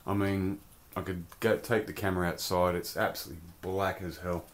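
A man's voice: sits low, steady tone, fairly quick. A man casually reviewing a collectible toy in a rambling, chatty vlog from his home beer cellar. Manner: chatty, rambling, loose slang.

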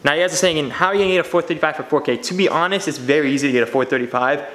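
A man in his twenties with a fairly high, slightly bright voice races along as he talks straight to camera in his home garage. He's a car channel vlogger, earnest and slangy, calling his viewers "you guys" in casual vlog talk. The camera mic picks up an echoey garage room.

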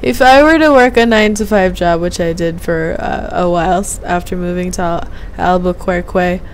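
A young woman with a fairly low voice talks at a moderate pace during a game stream, rambling hesitantly and half muttering to herself. She's in a small room at home using a gaming headset mic, and there's slight background noise.

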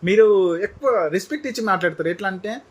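A young man from Telangana argues about dialects in quick, animated bursts. His voice sits high and he barely pauses, keeping a teasing, playful edge. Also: breathy edge. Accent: Telangana Telugu. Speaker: vlogger. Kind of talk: casual debate.

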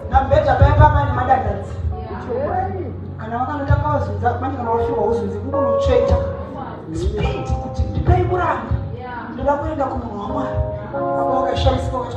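A woman evangelist with a Zimbabwean accent, preaching a forceful sermon into a pulpit microphone. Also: high voice, dull audio. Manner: forceful preaching, switching between Shona and English. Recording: echoey church hall, distant mic, loud music behind.

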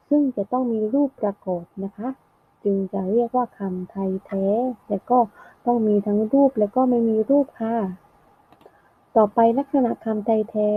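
A woman teacher giving a lesson, explaining slowly and clearly and ending sentences with polite particles. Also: a little high. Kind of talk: classroom lesson narration. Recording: thin phone-like audio.

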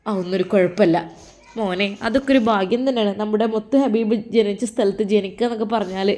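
A woman's voice: mid-range voice, fast, warm tone, natural voice. A woman voicing a tender, devout older mother who talks with a Malappuram Malayalam accent and prays fervently over her children. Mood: fond. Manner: fervent, prayerful, doting.

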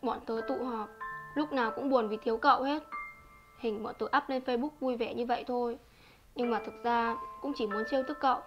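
An actress playing a gentle young woman who comforts a friend in a soft voice. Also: fairly high pitch, steady tone, fairly quick, natural voice. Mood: tender. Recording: muffled audio over music. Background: music.

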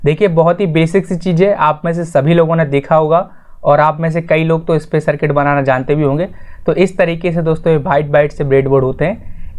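A man with a fairly high, slightly mellow voice hosts an informal explanatory voice-over lesson. As a tutorial host, he speaks directly to viewers in an instructional way and restates his points.

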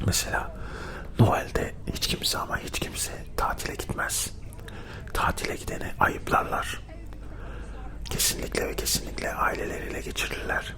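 A man narrates a travel vlog in a hushed ASMR whisper. He explains things in a reflective, unhurried manner, all breath and very little voice. He comes from Turkey and talks as if guiding the listener around. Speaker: vlogger.

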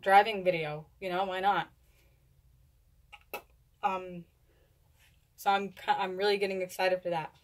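A young adult woman chatting casually to camera in a rambling, stumbling way, talking with a lip full of dip. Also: medium pitch. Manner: rambling, stumbles over words. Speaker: video blogger doing a product review. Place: indoors, small home room. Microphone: camera at a short distance.

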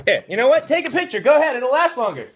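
Very high-pitched young woman, shouting, brash, noisy recording. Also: sing-song, fast talker. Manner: yelling, brash.

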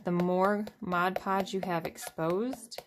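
A little hiss or hum accompanies a woman in her thirties whose lowish, steady voice moves slowly. At home, she talks through a craft step by step in a casual, rambling way, frequently joking about herself.

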